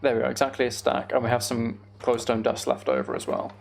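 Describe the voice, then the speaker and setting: A young man with a creaky, mid-range voice gives casual, meandering gameplay commentary on a live stream. He thinks aloud and chats to viewers at a quick pace in a level tone.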